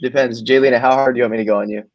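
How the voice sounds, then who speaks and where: A man's voice: medium pitch, fairly even intonation, racing, dry recording, highs cut off. Man, playful host, upbeat, dry close sound, remote call. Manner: upbeat, playful, hypes the viewers. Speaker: host of the game. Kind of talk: casual chat.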